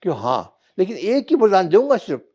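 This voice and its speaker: A man plays Lord Shiva, a calm, all-knowing deity in a spoken parable. He explains with patience and a lively rising pitch. The sound is a touch lo-fi and dull. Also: fairly quick. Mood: explaining. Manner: patient, lecturing storyteller's voice.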